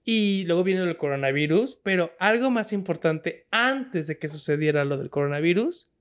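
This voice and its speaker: Mexican woman co-host, slangy and jokey, explains news with laughs, slightly low voice. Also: animated, normal speed. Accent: Mexican, Guadalajara area. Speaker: podcast co-host. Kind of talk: casual comedic news chat.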